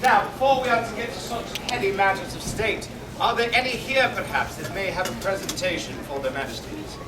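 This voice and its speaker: A man's voice: high-pitched, expressive, brisk. A man playing a dignified duke who advises his monarch with flowery, courtly formality. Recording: distant, echoey, noisy outdoor stage.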